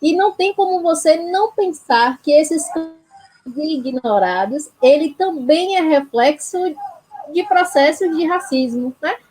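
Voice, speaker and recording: A woman's voice: sits high, expressive, unhurried, darkish tone, poor audio. A woman with a Bahian Brazilian accent talking reflectively and earnestly as a host, often adding tag questions to seek agreement. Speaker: panel host, health project institutional supporter. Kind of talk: reflective conversational talk.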